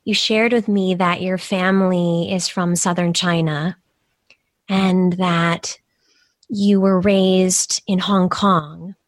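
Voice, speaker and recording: A woman hosts a podcast, guiding listeners and her guest with slow, gentle questions. Her voice sits a little low and the recording is dry and close. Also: fairly even intonation, no echo. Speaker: podcast host. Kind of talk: guided meditation and interview.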